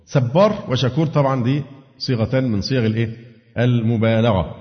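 A man's voice: medium pitch, fast talker. A man with an Egyptian accent teaching a Quran commentary lesson, asking his students questions and answering them himself. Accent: Egyptian Arabic. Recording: dull lo-fi recording with long hall reverb.

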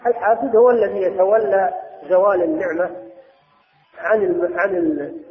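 High-pitched guy giving a religious lesson, echoey hall, tinny phone-like sound. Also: steady tone. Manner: measured, explanatory, with restarts. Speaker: Islamic scholar.

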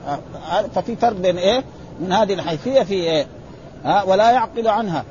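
Animated and quick, a male religious teacher with a high, slightly mellow voice reads classical texts and unpacks them in colloquial asides, with many "ha" fillers and self-corrections. The slightly dull lo-fi recording has a little hiss or hum.

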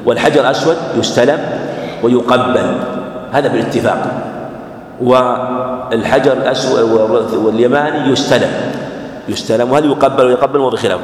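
A man giving a religious lesson, speaking in a measured way and repeating phrases for emphasis. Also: medium pitch. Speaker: Islamic scholar teaching a hadith class. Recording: echoey hall with faint ambience.

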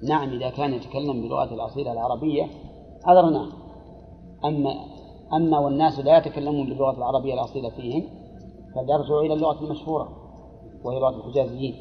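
Male teacher giving a grammar class, deliberate and repetitive, dull recording with a long echo. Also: medium pitch, steady tone. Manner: deliberate, repeats phrases slowly, questions students. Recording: dull lo-fi recording with long hall reverb and faint noise.

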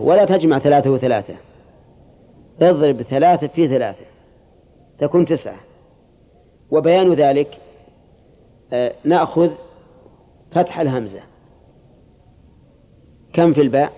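A man, a religious scholar teaching a class, who explains a text, quizzes his students and slowly repeats word forms, with casual spoken asides. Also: fairly high pitch. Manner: slips into colloquial asides. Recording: dull lo-fi lesson recording.

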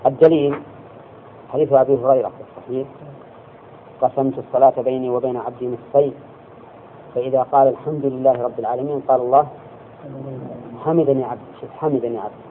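Guy giving a religion class, slow and deliberate, keeps asking the students, sounds like a tinny phone-line recording. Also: medium pitch, fairly even intonation. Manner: deliberate, checks students with quick questions. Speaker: religious teacher. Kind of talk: classroom lesson explaining hadith and grammar. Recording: tinny lo-fi lecture recording with faint hiss.

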